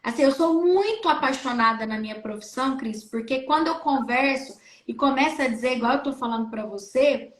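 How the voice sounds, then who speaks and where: A woman's voice: sits high, fairly bright tone, reverberant. A speech therapist woman with a Brazilian Portuguese accent, explaining on a live stream and acting out coughs and vowels as she demonstrates.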